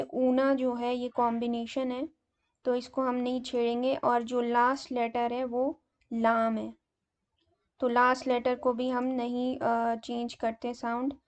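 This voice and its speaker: A woman teacher slowly explaining grammar, pausing often with fillers. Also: on the high side. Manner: slow, hesitant explaining with many fillers. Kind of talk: grammar lesson in Urdu mixed with English terms.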